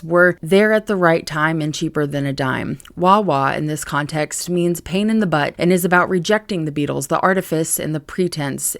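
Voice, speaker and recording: A woman vlogger talking about music, chatty and emotional, reading excerpts aloud. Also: low-pitched. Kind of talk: vlog commentary with readings.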